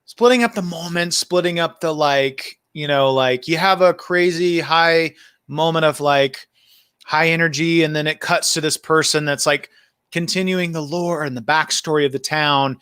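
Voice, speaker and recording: A man's voice: fairly high pitch, moderate pace, a bit bright, clean tone, dry recording, clean studio sound. A man hosting a livestream as the filmmaker, talking casually and rambling with many fillers and restarts. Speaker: filmmaker host.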